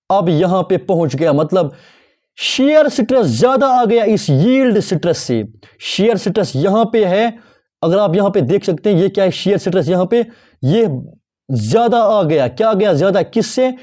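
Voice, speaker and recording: A male teacher giving a recorded exam-prep lecture, asking questions and answering them himself, repeating key terms and slowing down to read definitions word by word. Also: sits high, warm tone.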